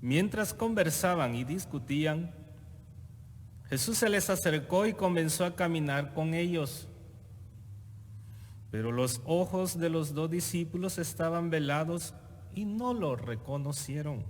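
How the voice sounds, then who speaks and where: Slow solemn priest with cathedral echo. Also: male voice, fairly high pitch. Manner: slow, measured, solemn reading. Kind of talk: liturgical Gospel reading. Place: large church. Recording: cathedral echo with faint noise.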